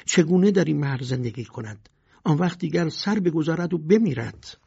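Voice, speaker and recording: A man narrating a storybook with a lively, dramatic reading. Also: fairly high pitch, vocal fry, breathy edge. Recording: dull lo-fi recording.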